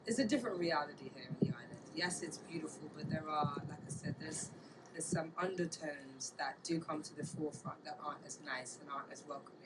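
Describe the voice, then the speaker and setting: Low-pitched woman, thoughtful and halting. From Bermuda. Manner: thoughtful, halting, searching for words. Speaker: interviewee. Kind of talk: casual reflective interview talk. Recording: clear background ambient noise.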